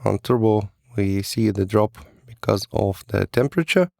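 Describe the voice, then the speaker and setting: A man who says he is still sick, giving a casual, halting product review of a flashlight. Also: on the low side, creaky, a little mellow, no room sound, studio quality. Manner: hesitant, halting, non-native phrasing. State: sick, rough voice.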